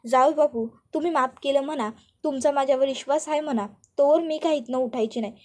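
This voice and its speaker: A melodramatic village mother pleads and protests in a high, raised wail, as a woman narrator puts her on. She begs and swears her innocence in a rustic, theatrical manner. The voice sits high and carries well. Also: quick pace, close to an everyday voice. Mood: pleading wail. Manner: pleading, protesting, theatrical wailing in rural dialect. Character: melodramatic wailing village mother-in-law, middle-aged woman.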